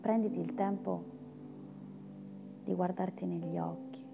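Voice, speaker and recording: A woman leads a guided meditation softly, often close to a whisper. Her voice sits a little low and has a creaky, fry-like edge. Clear meditative music with singing bowls plays behind her soothing delivery. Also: fairly even intonation, highs cut off. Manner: soft, soothing, slow delivery with breathy near-whispers.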